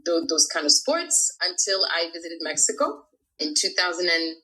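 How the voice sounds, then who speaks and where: A woman's voice: on the low side, very animated, moderate pace, sharp tone, poor audio. A woman in her thirties from France, a freediver talking casually as an interview guest, chatty with frequent laughs and fillers. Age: 30s.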